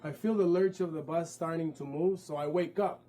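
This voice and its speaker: A man's voice: on the high side, steady tone, moderate pace, warm tone, slight background noise, rough recording. Man telling a one-man stage story. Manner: vivid storytelling, wry asides. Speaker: performer.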